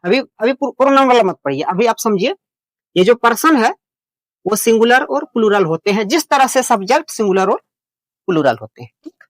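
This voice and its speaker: This beginner English lesson is given in Hindi by a man who explains things plainly and homely, repeats himself patiently, and keeps reassuring learners. He speaks a little fast in an extremely high voice with lively intonation, recorded dry.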